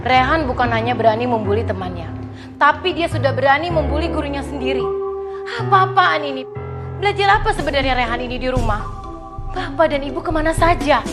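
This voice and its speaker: A woman's voice: high voice, animated, fairly quick, over loud music. A woman playing an exasperated teacher. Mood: stern. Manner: stern, complaining. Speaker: schoolteacher.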